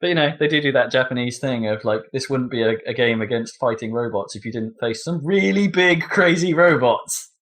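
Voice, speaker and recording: A man chats loosely on a gaming podcast, piling up fillers and little laughs. His voice sits at an everyday middle pitch. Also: brisk, few pauses, fairly bright tone. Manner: rambling, lots of fillers and laughter. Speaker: podcast co-host. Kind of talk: casual chat about video games.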